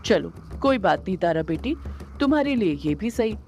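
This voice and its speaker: A woman's voice: medium pitch, very animated, moderate pace, darkish tone, a little hiss or hum. A woman voicing a mock-sweet, cruel male villain in a horror story. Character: menacing male villain commanding an army of the dead.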